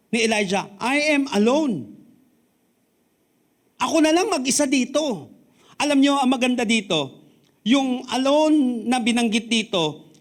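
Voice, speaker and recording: Filipino pastor guy preaching, high voice, goes big and loud then drops way down quiet. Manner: switches between Tagalog and English, swings from loud emphatic peaks to quiet low drops. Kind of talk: sermon.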